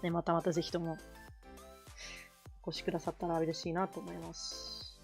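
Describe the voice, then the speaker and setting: A woman's voice: fairly low pitch, flat delivery, normal speed, vocal fry, soft background music. A woman with a Kansai accent, chatting casually as a live-stream host, rambling and correcting herself as she switches between Japanese and English. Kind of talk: casual chat while drawing.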